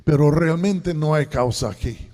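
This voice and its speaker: A man voicing a skeptical, weary Roman governor who muses in a low, quiet way, heard in a reverberant church hall. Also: a little slow, close to an everyday voice.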